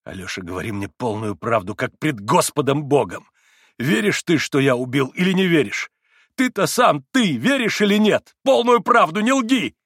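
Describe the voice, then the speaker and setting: A man voicing an anguished young man awaiting trial, speaking with urgent, impassioned pleading that climbs toward desperate shouts. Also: mid-range voice, animated, a little fast, creaky, breathy edge, no room sound, clean studio sound. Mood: frantic. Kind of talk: audiobook character voice.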